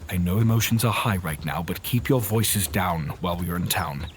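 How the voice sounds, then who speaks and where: An actor playing a kindly, steady doctor who looks after children in an audio drama, with faint noise behind him. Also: male voice, deep voice, normal speed, natural voice. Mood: calm, steady.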